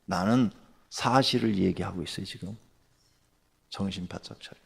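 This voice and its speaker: A pastor giving a dawn sermon, telling a story in a lively way that swings from hushed asides to loud bursts. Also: male voice, low voice, moderate pace, vocal fry, breathy edge. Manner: animated, swings from hushed to shouting.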